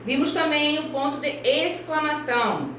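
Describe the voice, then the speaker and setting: A woman primary school teacher from Brazil giving a recorded review lesson for children, speaking slowly and carefully and spelling out each example. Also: sits high, a bit bright, a little hiss or hum. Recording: echoey room, voice far from mic.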